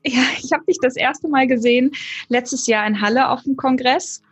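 A woman's voice: high voice, normal speed, breathy edge, dry recording. A woman hosting a podcast interview, effusive and gushing with compliments for her guest. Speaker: podcast host.

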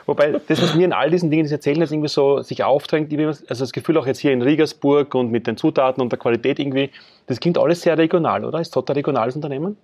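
A man's voice: fairly high pitch, darkish tone. A man interviewing a guest, asking questions and murmuring agreement. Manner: quick, attentive, frequent backchannel hums.

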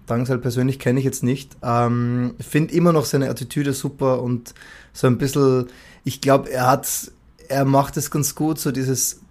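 A man's voice: mid-range voice, steady tone, unhurried, a little mellow. Male musician guest, casual, rambling, self-correcting. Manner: thinking aloud, many restarts. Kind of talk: casual conversation.

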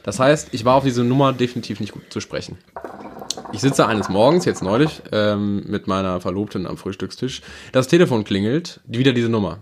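A young man co-hosting a casual podcast, telling stories with animated energy. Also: fairly low pitch, a little fast. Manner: animated storytelling, acts out quoted voices. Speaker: podcast co-host. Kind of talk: casual chat.

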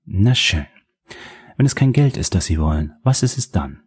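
A man's voice: deep voice, sing-song, normal speed, a little mellow, heavily acted. A man voicing a smug, powerful woman official. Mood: condescending. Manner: smooth, condescending, silkily polite.

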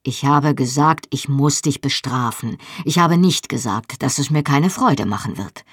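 A reader voicing a young Scottish husband who talks bluntly, sternly and mockingly. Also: male voice, mid-range voice, lively intonation, unhurried, a bit bright, husky, no echo, clean studio sound, full character voice. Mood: teasing.

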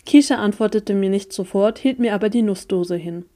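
Woman narrating with a mellow, dark voice. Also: mid-range voice, fairly quick. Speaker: audiobook narrator. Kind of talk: first-person audiobook narration.

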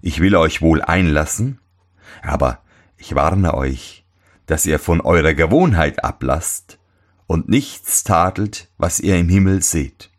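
A man reading a fairy tale and voicing a solemn male apostle at the gate of heaven who speaks slowly and gravely. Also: low voice, animated, heavily acted. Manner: slow, grave warning.

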